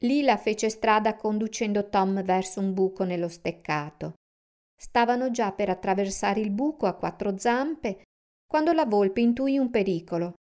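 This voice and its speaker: A woman narrating a children's storybook aloud in a calm, measured way. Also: medium pitch.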